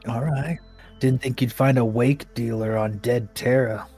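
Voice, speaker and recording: A man's voice: medium pitch, fairly even intonation, unhurried, a little mellow, soft background music, natural voice. A man playing a casual, teasing grandson in a tabletop role-playing game.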